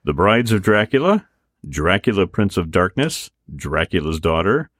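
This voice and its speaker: A man's voice: unhurried, no room sound, studio quality. A man hosting a Halloween trivia quiz on a show, in casual banter with frequent laughter. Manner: animated, laughs often, deep voice. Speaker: quiz host.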